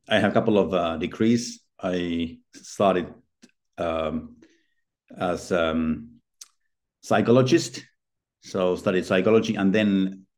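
This podcast guest, a middle-aged healthcare consultant from Finland, has a low, darkish voice. Chatting casually with the interviewer, he hesitates, restarts his sentences, and leans on lots of fillers.

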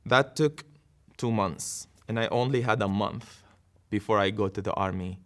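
A man's voice: on the low side, normal speed, a bit bright. Earnest Syrian man telling his story. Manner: earnest, reflective, with short laughs and restarts. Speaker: interview guest, dancer. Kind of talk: personal storytelling in an interview.

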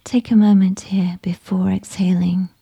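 A woman whispering a slow, soothing guided meditation with gentle instructions. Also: medium pitch, level tone, creaky, husky.

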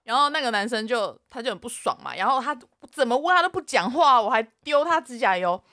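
A woman with a Taiwanese Mandarin accent, co-hosting a podcast and telling stories in an animated way, acting out the quarrels she describes. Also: on the high side, a little fast, no room sound, clean studio sound. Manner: animated storytelling, acts out quarrels. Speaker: podcast co-host. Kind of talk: casual chat.

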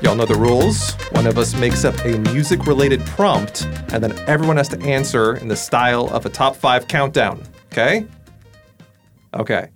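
A man's voice: medium pitch, moderate pace, over music. A man hosting a podcast in casual conversation. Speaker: podcast host. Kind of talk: casual chat.

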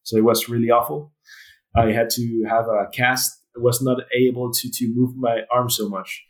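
A man's voice: medium pitch, flat delivery, moderate pace, poor audio. A man in his thirties from Ecuador, speaking English as a guest, answering with many fillers and restarts. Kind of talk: casual interview answers.

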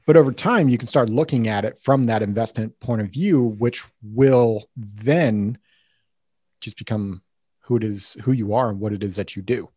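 A man's voice: fairly low pitch, normal speed, warm tone, slightly rough, dry recording, studio quality. A man talking conversationally as a podcast host, explaining things like a coach.

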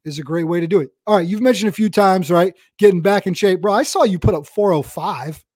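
Man hosting a podcast, friendly, affirming, high voice, dry studio sound. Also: fairly quick, a little mellow, dry recording. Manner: friendly, affirming, calls guest "man" and "bro". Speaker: podcast host. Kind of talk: casual interview chat.

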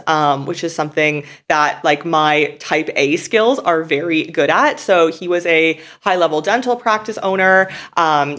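A young woman from Canada hosts a casual podcast chat, her voice sitting a little low for a woman. She rambles freely, leaning on "like" and "you know" as she restarts her thoughts. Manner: rambling, filler-heavy, lots of "like". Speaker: podcast host.

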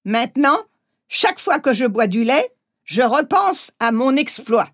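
A woman narrating a first-person memoir audiobook in a measured reading voice. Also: high-pitched, big pitch swings.

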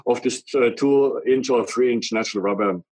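Speaking at normal speed in a mid-range voice with a darkish tone, a middle-aged man from Germany explains a product earnestly and at length. He's a guest and company representative in an interview, with a strong German accent and long run-on sentences, captured in a dry recording.

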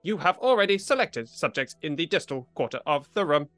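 A man's voice: fairly high pitch, very animated, fairly quick, a bit bright, no echo, faint music behind. A man voicing a talking lab bench computer in a tabletop game, speaking in clipped, robotic processing announcements. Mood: flat robotic.

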